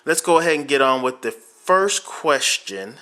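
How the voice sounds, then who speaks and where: A young American man from Miami hosts a casual question-and-answer podcast. His voice is bright and forceful, though his throat sounds sore and rough. He rambles loosely, with plenty of fillers and restarts. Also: mid-range voice, big pitch swings, normal speed. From Miami, United States.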